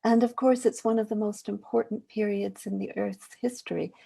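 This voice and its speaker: An older woman poet on a panel, speaking in a thoughtful, measured way. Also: mid-range voice, steady tone, vocal fry, mellow, breathy edge. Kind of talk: reflective panel talk.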